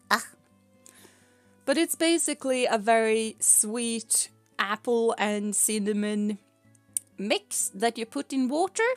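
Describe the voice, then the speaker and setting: On a stream, a VTuber with a Swedish accent, a native Swedish speaker, chats casually, rambling and giggling, often laughing mid-sentence. Her voice sits on the high side and she talks slowly with long pauses. The recording is dry, with faint music behind her.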